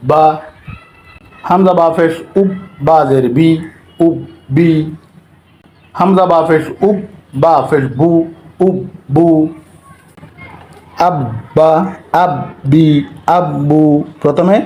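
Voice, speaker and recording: A man's voice: fairly high pitch, slow, pauses often, a little mellow. A man teaching Quran letter reading, drilling syllables one by one in a careful step-by-step lesson. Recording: roomy echo.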